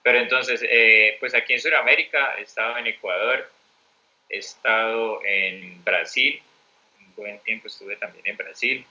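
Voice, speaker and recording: A man's voice: lowish voice, sharp tone, low-quality recording. A Colombian man telling travel stories as an interview guest, rambling with many fillers and restarts. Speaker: interview guest, mentor teacher. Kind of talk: conversational interview storytelling.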